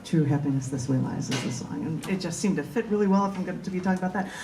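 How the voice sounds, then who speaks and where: Speaking at a quick pace with lively intonation, a woman with a lowish voice reads her poems and chats casually at a large bookstore's indoor open mic. Background noise is present, and the echoey room is recorded from a distant microphone.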